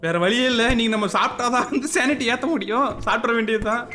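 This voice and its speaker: High-voiced man jumpily playing a horror game. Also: quick pace, sharp tone. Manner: jumpy and panicky, scolding the game's ghosts aloud. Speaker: gaming channel host. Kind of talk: let's-play gaming commentary. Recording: game music playing behind the voice.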